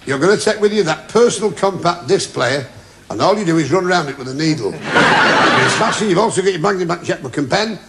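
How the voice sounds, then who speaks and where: A man's voice: high-pitched, animated, fast talker. A man hosting a television game show in a studio, bantering with contestants and cracking puns. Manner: jokey, punning, teasing contestants. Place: TV studio with a live audience. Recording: loud audience and noisy broadcast sound.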